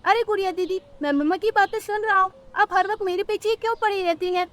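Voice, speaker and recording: A woman's voice: extremely high pitch, fast talker, fairly bright tone, voice pushed up. A woman voicing a cautious, slightly whiny little boy bird in a cartoon. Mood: anxious. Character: young boy bird, cautious younger brother.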